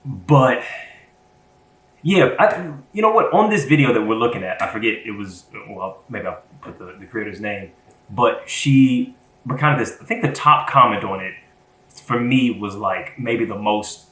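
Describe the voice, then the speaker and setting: A man's voice: lowish voice, expressive, normal speed, fairly bright tone, reverberant, low-quality recording. A man co-hosting a podcast in casual chat, rambling and hesitant with many restarts. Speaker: podcast co-host.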